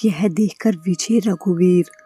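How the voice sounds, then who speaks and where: Slow husky woman narrating horror. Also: fairly low pitch. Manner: slow, even storytelling. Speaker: storyteller. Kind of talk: scripted horror story narration. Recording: faint background music.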